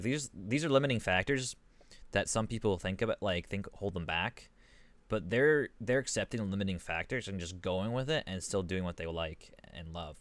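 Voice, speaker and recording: A man rambling casually on a live stream, restarting his sentences and reading chat aloud into a desk microphone. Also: sits low.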